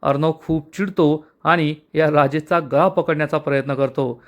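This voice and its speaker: A man narrating a recap of a TV serial episode in a steady storytelling manner. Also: fairly high pitch, normal speed. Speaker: serial reviewer.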